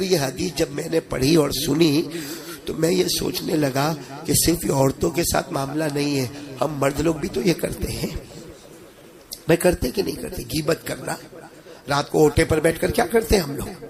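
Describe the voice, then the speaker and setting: A man's voice: on the high side, creaky, a crowd in the background. A man preaching an emotional religious sermon, rising into chanted passages and putting questions to the audience. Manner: addresses the audience directly with questions.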